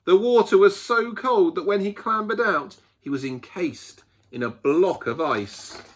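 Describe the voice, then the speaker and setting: Guy doing storytime for kids, slow and super expressive, voice goes up and down a lot. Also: sits high. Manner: expressive, dramatic pauses and emphasis. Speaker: children's storyteller. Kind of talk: animated picture-book read-aloud.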